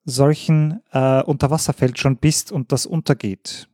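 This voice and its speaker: A podcast co-host patiently explains a board game's rules to his partner in casual chat, confirming each move with a short "Jawohl" or "Richtig." His medium-pitched voice is steady, dark and a little slow, with clean studio sound and no room echo.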